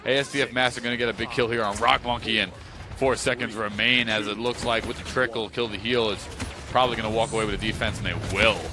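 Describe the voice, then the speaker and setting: A man's voice: on the low side, steady tone, fast, noisy background. A man from Long Island calling esports play-by-play with energy and the odd joke. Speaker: esports caster.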